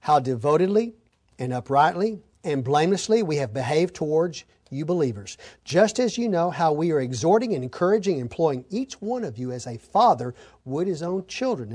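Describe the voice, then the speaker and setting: A man's voice: high voice, darkish tone. A man preaching an expository sermon, reading scripture aloud and then explaining it with folksy stories and asides.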